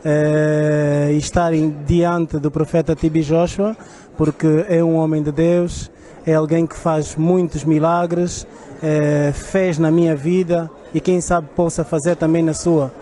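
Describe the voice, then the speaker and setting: Man, Portuguese accent, native Portuguese speaker, halting testimony, flat tone, warm dark timbre. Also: on the high side. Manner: hesitant, many fillers. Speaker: interviewee, church partner. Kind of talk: halting testimony in a second language.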